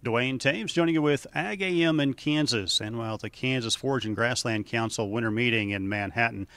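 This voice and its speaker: A man who is a farm radio correspondent, introducing a guest and asking questions in a brisk broadcaster delivery, holding a handheld mic in an office. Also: mid-range voice, a bit bright, no room sound. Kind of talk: interview hosting. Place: office with windows and plants, indoors.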